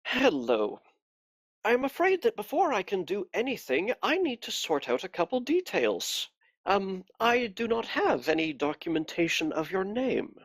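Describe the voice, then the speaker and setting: A man voicing a softly polite, menacing inquisitor in a tabletop game, formal and courteous as he interrogates. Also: high voice, very animated, measured pace, voice pushed up, heavily acted. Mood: coolly courteous.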